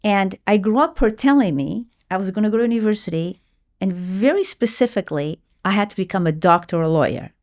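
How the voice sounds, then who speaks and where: A woman's voice: mid-range voice, lively intonation, fairly quick. A middle-aged woman from Portugal, telling her life story earnestly in an interview, with hesitant restarts. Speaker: guest, marketing executive.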